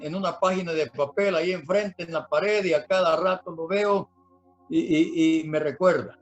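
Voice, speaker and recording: A man preaching a sermon in a slow, halting way, with many fillers and repeated words. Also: sits high, dull audio. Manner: dictates words slowly for listeners to write down.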